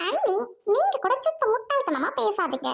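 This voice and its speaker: A woman's voice: extremely high pitch, huge pitch swings, normal speed, gravelly, a bit bright, voice pushed up, exaggerated voice. A woman playing a haughty rich young woman who scorns her poor brother, with a mocking, whiny manner. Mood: scornful. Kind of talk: family drama skit.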